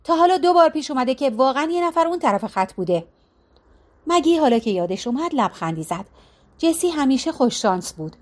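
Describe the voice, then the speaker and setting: High-voiced woman narrating a novel. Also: big pitch swings, darkish tone. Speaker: audiobook narrator. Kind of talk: scripted narration.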